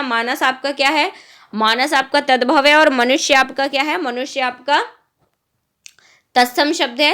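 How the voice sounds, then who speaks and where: A woman teaching a grammar lesson, firing off quick questions and answering them herself, and often checking with "okay?". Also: high-pitched, a bit bright. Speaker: Hindi teacher. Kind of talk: exam-prep grammar lesson.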